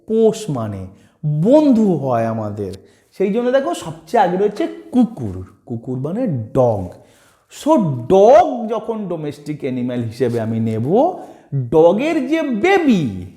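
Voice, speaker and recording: A man's voice: on the high side, a little mellow, roomy sound. A man teaching children English, asking questions and answering them himself, with English phrases mixed in. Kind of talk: explaining a children's English lesson.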